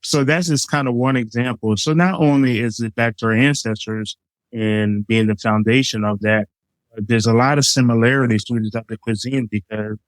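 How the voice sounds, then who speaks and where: In a casual interview, a middle-aged Liberian chef appearing as a guest explains his food easily, using examples and many fillers. He has a mid-range voice with fairly even intonation at a moderate pace, and the audio is poor though free of room sound.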